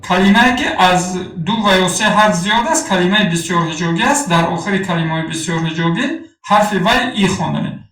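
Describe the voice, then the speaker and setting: A man with a Tajik accent giving a phonetics lesson, slowly and deliberately drilling the pronunciation of each word. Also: high voice, fairly bright tone. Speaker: language teacher. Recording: echoey room, mic far off, faint music.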